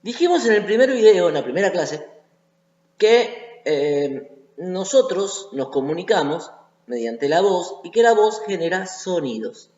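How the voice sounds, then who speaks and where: A man's voice: sits high, very animated, a little slow, a little mellow. Rioplatense guy giving a singing lesson, long echo, kinda dull lo-fi sound. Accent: Rioplatense Spanish. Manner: explanatory, often checks in with "¿sí?". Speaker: singing teacher. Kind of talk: online voice lesson. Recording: echoey lo-fi room recording.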